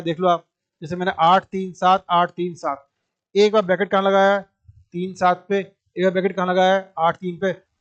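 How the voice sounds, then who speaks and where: A man's voice: high-pitched, dry recording, muffled recording. A male maths teacher, giving a classroom lecture, explaining step by step, repeating points and asking rhetorical questions.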